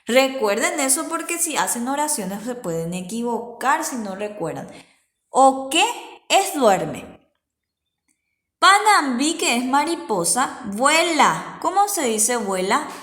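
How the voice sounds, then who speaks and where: A woman's voice: high-pitched, a bit bright, roomy sound. A woman teacher gives a patient children's language lesson, repeating words for practice.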